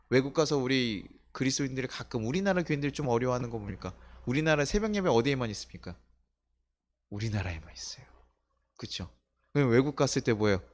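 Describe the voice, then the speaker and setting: A middle-aged man preaching a sermon in a church, talking in a conversational way, asking his listeners questions and acting out the voices of the people he quotes. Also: mid-range voice. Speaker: pastor. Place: church sanctuary.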